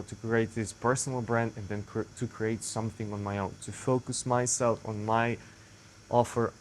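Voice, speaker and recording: A young Serbian vlogger speaks English as a second language with a Serbian accent, rambling and correcting himself in a casual monologue to the camera. His voice is fairly low, and the poor audio carries slight background noise.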